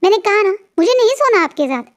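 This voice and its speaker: A woman's voice: sits high, fairly quick, natural voice. A woman voicing a stubborn, prickly young man who answers in short, sulky refusals. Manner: curt, refusing.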